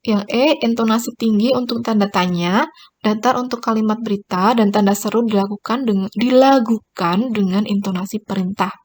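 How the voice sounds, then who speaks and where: A woman's voice: medium pitch, fairly even intonation, normal speed, a little mellow. A woman teacher giving a recorded grammar lesson, explaining each point and pointing at examples on screen. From Indonesia.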